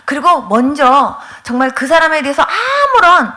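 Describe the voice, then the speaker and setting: A middle-aged woman pastor from Korea telling her testimony in a revival sermon, animated and emphatic, acting out the people she quotes, often near tears. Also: high voice, moderate pace.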